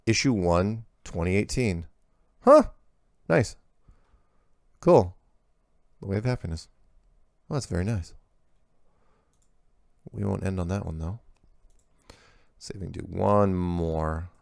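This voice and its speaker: A man's voice: deep voice, slow, creaky, long pauses, a little mellow, dry recording, studio quality. A middle-aged man hosting a show, reading viewer emails aloud and commenting on them in an easygoing, offhand way.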